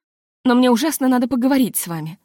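A woman voicing a nervous, tall masked society lady who talks in a halting, hysterical, pleading way, read as an audiobook. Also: on the high side, lively intonation, mellow, no room sound, studio quality, lightly acted.

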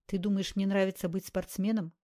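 A woman voicing a calm, hard young man who speaks quietly and curtly. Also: medium pitch, brisk, lightly acted. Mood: cool. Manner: quiet clipped.

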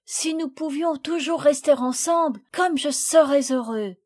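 A small, soft-hearted storybook boy near tears, as a woman puts him on. His voice is high and bright, and he speaks in a pleading, heartfelt way. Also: measured pace. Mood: sad.

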